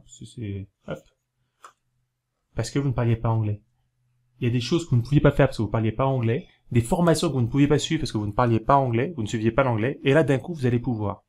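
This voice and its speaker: A man of ordinary pitch from France chats to his viewers in a loose, unscripted way. He wanders, restarts his sentences and fills pauses with hesitations. When he spells something out, he slows right down and takes it step by step. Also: a little mellow. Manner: rambling, hesitant, many fillers and self-corrections; explains slowly, spelling things out while writing. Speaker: video host giving learning tips. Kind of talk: casual talk to camera.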